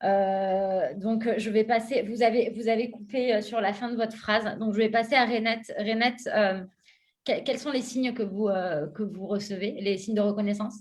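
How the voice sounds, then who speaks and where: A woman's voice: medium pitch, steady tone, moderate pace, darkish tone. A woman moderating an online round table, reading out audience questions with many hesitations.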